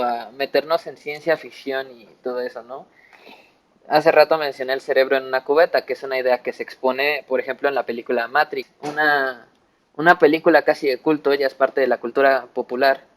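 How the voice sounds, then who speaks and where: A man with a Mexican accent explaining ideas informally as a panel speaker in a discussion, thinking aloud with halts and repeated words. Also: mid-range voice.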